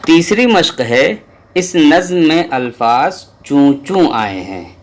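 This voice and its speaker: A man's voice: a little high, lively intonation, slow. A man teaching a school Urdu lesson, reciting a children's poem and then explaining the exercises patiently.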